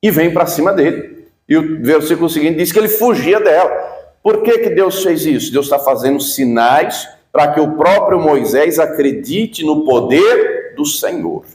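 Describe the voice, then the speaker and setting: A male pastor preaching a sermon, building emphasis with repeated phrases and reading scripture slowly. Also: on the high side, very animated, darkish tone, reverberant.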